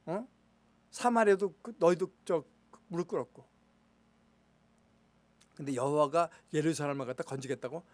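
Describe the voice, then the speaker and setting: A preacher putting on a mocking enemy commander. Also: male voice, a little high, normal speed, pauses often, natural voice. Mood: taunting. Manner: mocking, shouting threats. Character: taunting arrogant male enemy commander.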